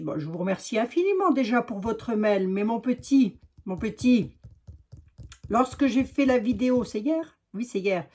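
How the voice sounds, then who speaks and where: Husky chatty woman with a Lorraine accent. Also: medium pitch, a little mellow. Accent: Lorraine French. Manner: chatty, rambling, asides with hein. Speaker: tarot reader. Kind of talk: casual chat to viewers.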